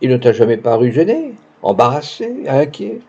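A man's voice: mid-range voice, big pitch swings, moderate pace, warm tone, husky. A man reading the lines of a young actress with pompous, gushing phrasing, in a dull lo-fi recording. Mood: scornful. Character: young woman, pretentious theatrical actress.

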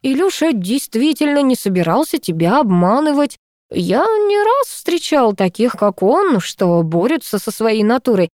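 A lazily drawling, high-voiced male photographer, put on by a woman reading a story. He stays calm and teasing and stretches every word out. The sound is close and dry. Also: no echo. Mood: languid, teasing. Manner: slow, drawn-out, high delicate delivery. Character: mannered flamboyant male photographer, unruffled and teasing.

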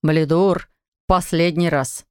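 A woman reading aloud and voicing a stern, exasperated middle-aged father who shouts at his neighbor and son. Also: low voice, brisk, dry recording, studio quality, pitched below the performer's own voice, close to an everyday voice. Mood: angry. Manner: gruff, shouting, irritated.

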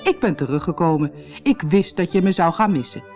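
A woman's voice: lowish voice, fairly quick, darkish tone, soft background music, lightly acted. Woman doing a cheeky little mouse. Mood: teasing. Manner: teasing, giggly.

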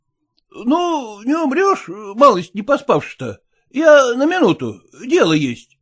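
A man voicing a pushy, coarse merchant who drawls low and insists, for an audiobook. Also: sing-song, slow pace, fairly bright tone, husky, exaggerated voice. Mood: insistent. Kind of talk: audiobook character voice.

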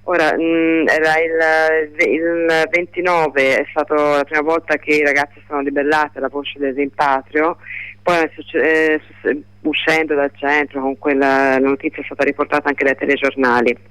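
Halting woman reporting by phone. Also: low-pitched, flat delivery, a bit bright, clean tone, no echo, rough recording. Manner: hesitant, halting with many fillers. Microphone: telephone.

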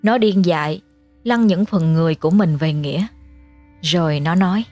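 A woman narrating a horror story in a measured storytelling manner. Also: on the low side, mellow, dry recording. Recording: faint music underneath.

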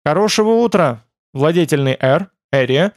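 A man's voice: fairly high pitch, animated, moderate pace, dry recording, studio quality, natural voice. A man reading as a wry young man. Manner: joking, mildly sarcastic.

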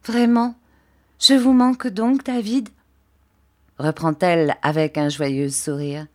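A woman voicing a frail, childlike young wife who speaks softly, eagerly and with great affection. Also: medium pitch, slow pace, natural voice. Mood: tender. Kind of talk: audiobook character voice.

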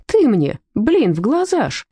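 A woman's voice: on the high side, huge pitch swings, measured pace, warm tone, breathy edge, no room sound, clean studio sound, voice pushed up, full character voice. A woman reading a storybook aloud, voicing a crude, mocking male shop director who bullies and boasts. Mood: enraged. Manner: sneering, boastful, snide laughter.

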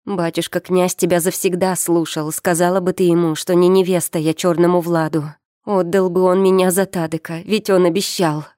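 A woman's voice: level tone, moderate pace, mellow, no room sound, studio quality, lightly acted. A woman voicing a spoiled, weepy young noblewoman who sobs and wails her lines in an audiobook. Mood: shrieking. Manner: sobbing, wailing, shrill. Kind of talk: audiobook character reading.

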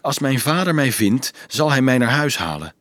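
A man's voice: medium pitch, very animated, moderate pace, fairly bright tone, no echo. A troubled young hero in a read-aloud storybook, urgent and anxious, his voice rising and falling widely, as a male narrator puts him on. The sound is dry and close. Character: anxious young man searching for his father.

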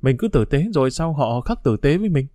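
Tích, a level-headed orphan boy as a man voices him, explaining and gently scolding in a steady, even voice close to the reader's own. The sound is dry and close, with no echo, in a storybook reading. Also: medium pitch, brisk, natural voice. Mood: soothing. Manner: calm, reasoning, mildly scolding. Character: sensible thrifty street boy, calm leader.

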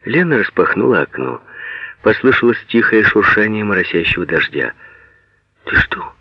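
A man narrating a literary audiobook in a measured, even reading. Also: fairly low pitch, no room sound, lo-fi sound.

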